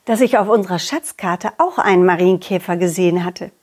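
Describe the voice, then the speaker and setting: A woman's voice: fairly low pitch, a little fast. A woman narrating a children's story and speaking directly to young listeners in a playful way. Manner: warm, playful address to children.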